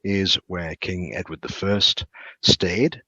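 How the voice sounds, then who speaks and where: A man with a lowish voice tells ghost stories in a halting way, stumbling over words and filling gaps with ums. The sound is dry and muffled, close and dead, with little brightness. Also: fairly even intonation, no room sound. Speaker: castle guide. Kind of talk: casual storytelling.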